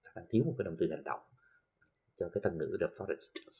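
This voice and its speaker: Husky Southern Vietnamese male teacher. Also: low voice, mellow, dull audio. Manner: explains slowly, many "ờ" fillers, reads English examples slowly. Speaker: English teacher. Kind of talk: recorded classroom lesson for TV.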